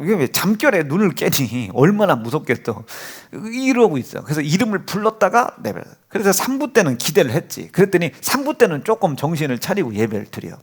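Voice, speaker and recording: A middle-aged man preaches in a church sanctuary, his husky voice full of lively swings in pitch. He tells a family story from the pulpit, acting out each voice and slipping into quiet whispers. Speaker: pastor. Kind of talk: sermon.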